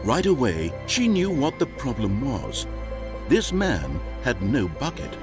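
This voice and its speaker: A man's voice: medium pitch, huge pitch swings, slow. A man narrating a video game story in a dry, wry, theatrical way. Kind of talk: scripted narration. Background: game music.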